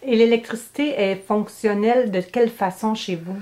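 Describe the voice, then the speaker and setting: A woman's voice: a little high, normal speed, warm tone. Woman asking plain interview questions. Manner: plain, prompting follow-ups.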